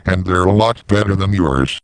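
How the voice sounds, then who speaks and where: A man voicing scripted dialogue for an animated story about talking machines. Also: low-pitched, normal speed, very noisy. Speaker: voice of talking siren characters.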